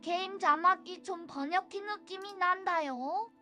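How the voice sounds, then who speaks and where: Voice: very high voice, unhurried, bright, forceful tone, soft background music. A childlike synthetic voice reading out viewer messages on a livestream. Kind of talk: read-out of viewer donation messages.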